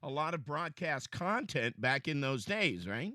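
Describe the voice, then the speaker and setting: A man's voice: on the high side, sing-song, measured pace, bright, forceful tone, no echo, clean studio sound. A man hosting a conversational interview in an eager, agreeable, joking way. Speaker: interviewer, program host.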